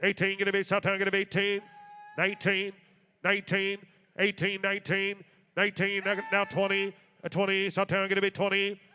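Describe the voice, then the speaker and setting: A man working as an auctioneer, calling bids in a rapid, repetitive, rolling live chant. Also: sits high, monotone, bright, forceful tone, slight background noise. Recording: long hall reverb.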